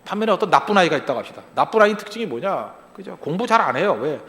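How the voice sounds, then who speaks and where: A male pastor delivering an animated sermon, firing rhetorical questions at the congregation and acting out short quoted lines. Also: sits high, very fast. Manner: acts out short quoted lines in other voices. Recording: long reverb of a large hall.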